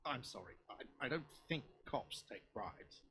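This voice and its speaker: A man's voice: mid-range voice, expressive, unhurried, sharp tone, slight background noise, poor audio. A man voicing an irritable, whiny cafeteria manager in a video game, petulant and exasperated. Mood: irritated.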